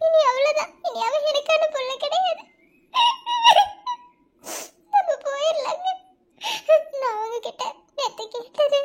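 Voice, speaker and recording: A woman voicing a tender, grieving foster mother in a cartoon, with a Madurai Tamil accent, speaking softly and tearfully, laughing through her sorrow. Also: extremely high pitch. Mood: sorrowful. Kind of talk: cartoon voice acting.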